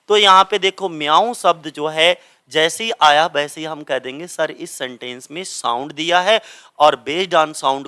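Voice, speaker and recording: Bright clear-voiced male tutor. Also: high voice. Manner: explanatory, asks and answers own questions. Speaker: English literature coaching teacher. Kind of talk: classroom explanation of grammar.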